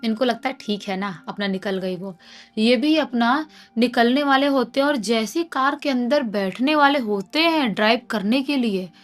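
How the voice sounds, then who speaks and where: A woman's voice: fairly high pitch, normal speed. A woman narrating a horror story in a dramatic, conversational way. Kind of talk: casual spoken storytelling.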